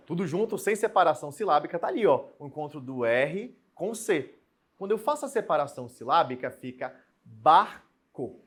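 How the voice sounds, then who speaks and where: A man teaching a recorded Portuguese lesson, explaining step by step and spelling out example words slowly. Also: fairly high pitch. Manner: explains step by step, asks students questions and answers them.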